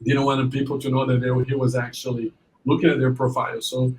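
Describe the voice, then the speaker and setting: A man's voice: medium pitch, little pitch movement, fast, rough recording. A male admissions consultant, a podcast guest, giving advice in a rambling way, with frequent restarts and "you know"s.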